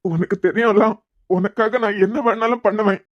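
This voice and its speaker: A woman's voice: medium pitch, steady tone, normal speed, dry recording, dull audio, natural voice. A woman voicing a worried young man in a cartoon series, pleading and tender, with a Kanyakumari Tamil accent. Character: anxious young man tending a fainted girl. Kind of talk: cartoon web series voice acting.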